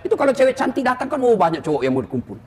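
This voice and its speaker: Male preacher, Ternate Malay accent, quick and high, jokes with the crowd through his sermon. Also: very animated, darkish tone. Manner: joking, addresses the audience directly. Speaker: Islamic preacher. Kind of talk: humorous sermon.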